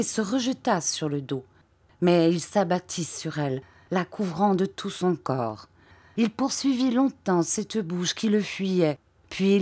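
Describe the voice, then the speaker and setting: Slow, low-voiced woman reading a story. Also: background noise. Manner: measured, unhurried reading. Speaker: audiobook narrator. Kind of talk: scripted literary narration.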